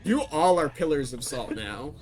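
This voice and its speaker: A man streaming a game with a friend, talking in a dry, deadpan way and swearing casually. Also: on the high side, normal speed, over music. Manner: deadpan, self-deprecating, swears. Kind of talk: casual chat.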